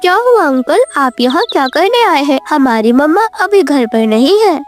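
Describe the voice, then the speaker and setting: A cheeky little boy chick in a children's cartoon, acted by a woman. He talks back defensively in a high childish voice, with faint music playing behind. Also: sing-song, moderate pace.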